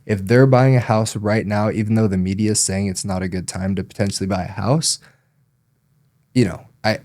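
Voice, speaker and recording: A man who works as a loan officer, explaining things in a relaxed podcast chat with frequent ums. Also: fairly low pitch, normal speed.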